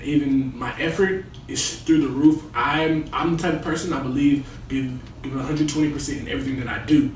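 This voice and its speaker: A man's voice: medium pitch, steady tone, a little fast, hardly any pauses, natural voice. Man playing young resident assistant, comedy skit interview, colloquial self-promoting talk, distant echoey sound, noisy background. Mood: earnest. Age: young adult. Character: young male resident assistant, cocky and boastful or earnest.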